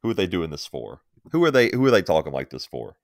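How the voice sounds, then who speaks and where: A man's voice: low-pitched, sing-song, quick pace, gravelly, no room sound, clean studio sound. A man co-hosting a sports podcast in a casual, opinionated way, often laughing. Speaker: podcast co-host.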